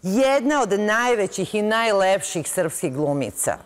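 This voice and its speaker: A woman's voice: mid-range voice, very animated, unhurried. A woman in her fifties hosting a TV talk show, asking persistent questions in a playful, teasing way. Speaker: host.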